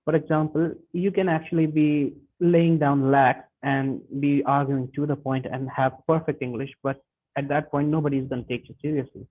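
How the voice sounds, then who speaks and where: A man presenting a webinar lesson, talking haltingly with frequent restarts and self-corrections. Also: a little high, fairly even intonation. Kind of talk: lecture on workplace communication. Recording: tinny phone-like webinar audio.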